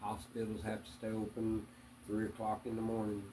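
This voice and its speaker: A man answering interview questions in a hesitant, plainspoken way, with many pauses and fillers. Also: on the low side, completely flat delivery, noisy background. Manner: hesitant, many ums and uhs; plainspoken, religious. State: hiccups.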